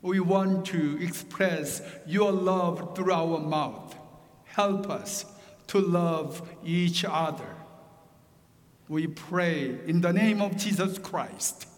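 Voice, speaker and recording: The sermon comes from a middle-aged man, a Korean-speaking pastor with a noticeable accent and a voice just a little on the high side. He moves slowly and deliberately, breaking in with jokes, and the room is a large hall.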